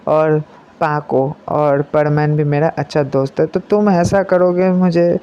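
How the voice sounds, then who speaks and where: A man's voice: a little high, fairly even intonation, measured pace, dark tone, clear, resonant tone, lo-fi sound, natural voice. A man doing a scolding young celebrity girl. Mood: hurt. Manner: scolding, insistent.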